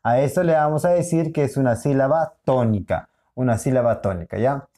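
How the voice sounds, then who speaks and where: A man's voice: mid-range voice, warm tone. A male school teacher giving a recorded online lesson, patient and repetitive, often checking in with short questions. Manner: repeats himself and checks in with frequent questions; patient, drawn-out explaining.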